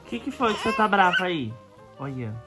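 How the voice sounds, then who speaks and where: Mom on a home video, low and lively voice, playful cooing baby talk, music clearly behind. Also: female voice, moderate pace. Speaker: mother filming her baby twins. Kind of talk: casual home video chat.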